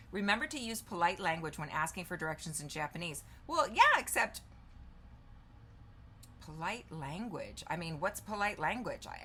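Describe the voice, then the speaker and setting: A woman's voice: mid-range voice, pushed and bright. A woman in her fifties talking casually to camera, thinking aloud and reading answers off her screen. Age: 50s. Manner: chatty, thinks aloud while typing, reads answers aloud. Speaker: vlogger. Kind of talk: casual chat while demonstrating.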